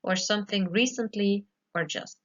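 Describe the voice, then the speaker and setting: A woman's voice: mid-range voice, moderate pace, dull audio. Patient woman teaching English. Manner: patient, explains step by step, often checks with "okay?". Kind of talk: recorded grammar lesson for pupils.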